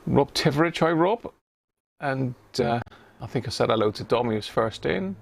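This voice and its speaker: A British man hosts a livestream, chatting to viewers in a matey, informal way. His medium-pitched voice is gravelly and animated, moving at a normal speed.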